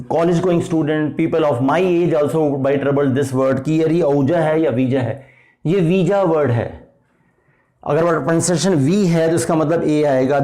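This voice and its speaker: A man's voice: a little high, darkish tone. A middle-aged man with an Indian English accent, teaching a grammar lesson in mixed Hindi and English, repeating his points and checking that listeners follow. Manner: switches between Hindi and English, repeats points, asks listeners if they understood. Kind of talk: classroom explanation mixing Hindi and English.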